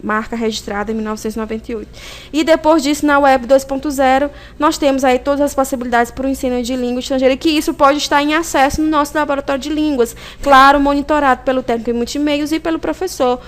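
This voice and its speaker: A woman with a high voice and Brazilian Portuguese accent delivers an informal recorded video lesson at a fast clip with fairly even intonation. She teaches in a relaxed, didactic style, answering questions she raises herself and sprinkling in tag questions to check comprehension.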